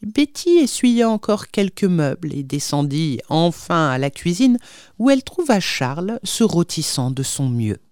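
Brief: a woman reading a story aloud, lower voice, dry close sound. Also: a little slow, dry recording. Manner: expressive reading. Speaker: audiobook reader. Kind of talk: storybook narration.

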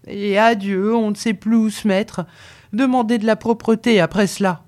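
A reader voicing a sharp-tongued peasant cook who grumbles and scolds, in an audiobook. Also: medium pitch, fairly even intonation, normal speed, voice pushed up, close to an everyday voice. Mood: scolding. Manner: grumbling, complaining. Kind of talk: audiobook character reading.

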